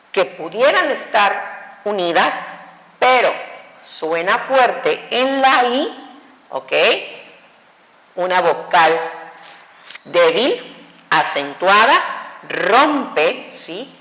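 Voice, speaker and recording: A woman with a Mexican Spanish accent teaching an online grammar class, slow and deliberate, often checking in with her students. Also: medium pitch, sing-song, a bit bright. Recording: echoey room with long reverb.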